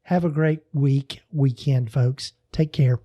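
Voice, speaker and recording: A man's voice: medium pitch, fairly even intonation, takes it slowly, mellow, no room sound, studio quality. A man hosting a podcast, signing off in a casual, rambling way with many fillers and restarts. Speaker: podcast host.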